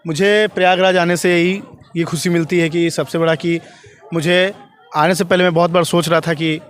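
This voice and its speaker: Halting, higher-voiced man in a street interview. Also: flat delivery. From Bengal, India. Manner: halting, repetitive, circling back on phrases. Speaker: festival visitor being interviewed.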